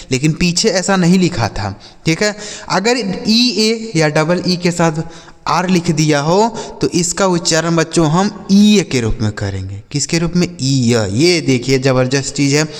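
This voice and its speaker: A male English teacher, teaching a class. He asks questions and answers them himself, and says words slowly, sound by sound. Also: on the high side, big-room sound. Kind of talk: classroom-style lesson.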